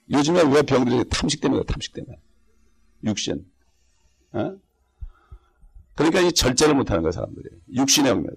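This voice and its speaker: Gravelly, husky-voiced man preaching. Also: on the high side. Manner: emphatic, rhetorical, frequent interjections asking for assent. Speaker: pastor. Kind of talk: sermon.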